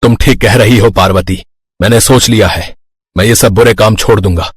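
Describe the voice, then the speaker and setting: A man's voice: fairly low pitch, moderate pace, breathy edge, no room sound. An actor voicing a bandit father who resolves earnestly to go straight. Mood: resolute. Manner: firm, earnest.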